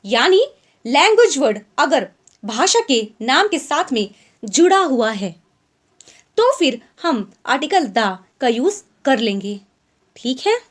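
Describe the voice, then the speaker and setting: A woman teaching an online grammar lesson, explaining in a Hindi-English mix and reading example sentences slowly. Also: high-pitched.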